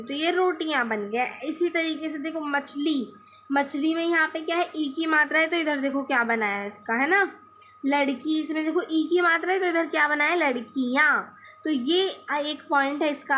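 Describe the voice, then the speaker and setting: A young woman with a high, light voice explains grammar to schoolchildren. She speaks patiently, drawing words out slowly as she writes. A faint hiss sits under the recording. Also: a bit bright. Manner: patient, repeats words slowly while writing. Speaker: teacher. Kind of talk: Hindi grammar lesson for children.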